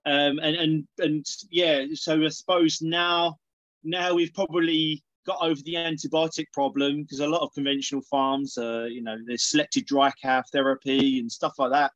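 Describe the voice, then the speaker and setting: A middle-aged man with an Essex accent and a fairly high-set voice talks casually in an interview. He feels his way through sentences, repeating words, on a slightly muffled but close recording. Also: level tone, moderate pace, a bit bright, no echo. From Essex, England. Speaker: podcast guest, organic dairy farmer.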